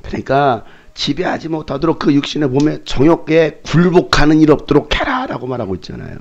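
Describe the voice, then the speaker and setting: This sermon comes from a church sanctuary, where a male pastor tells lively stories and shouts as he acts out the scenes. He speaks a little fast in a slightly high voice, and the recording is muffled.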